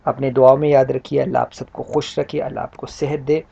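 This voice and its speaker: A man teaching a textbook English lesson in Urdu, slowly and patiently going over each word and its meaning. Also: medium pitch, little pitch movement, gravelly, dark tone, slight background noise. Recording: dull lo-fi sound.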